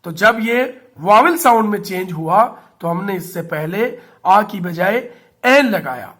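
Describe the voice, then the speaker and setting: A man's voice: high-pitched, lively intonation, takes it slowly, bright, forceful tone, husky. A male teacher giving a classroom lesson, patiently explaining and spelling words out letter by letter. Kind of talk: classroom lesson on English articles.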